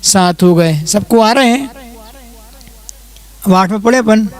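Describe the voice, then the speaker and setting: High-voiced man slowly reciting verses. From India. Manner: chants verses slowly, then explains in quick asides. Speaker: Jain monk teaching a class. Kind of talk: recitation lesson with explanation.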